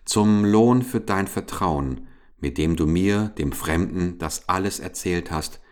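A man's voice: low-pitched, takes it slowly. A man voicing a kindly, curious traveling king who speaks earnestly and courteously, read aloud from a fairy-tale book. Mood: eager. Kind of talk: storybook reading.

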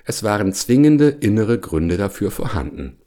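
A man narrating a children's storybook in an unhurried, expressive way. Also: on the low side.

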